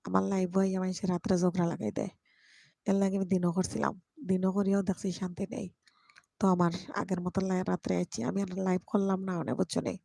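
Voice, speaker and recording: A woman chats casually on a late-night live stream from home, calling out to viewers by name and teasing them. Her voice is gravelly and mellow, held to a narrow pitch, and the sound is close and dry on her microphone. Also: little pitch movement, fast talker, no echo. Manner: chatty, greets and teases viewers by name. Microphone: microphone, speaking softly at times.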